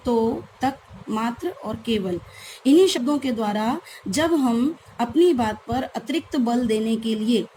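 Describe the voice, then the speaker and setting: A woman's voice: fairly high pitch, a little mellow, a little hiss or hum. A woman teacher giving a grammar lesson to schoolchildren, explaining patiently and repeating key terms.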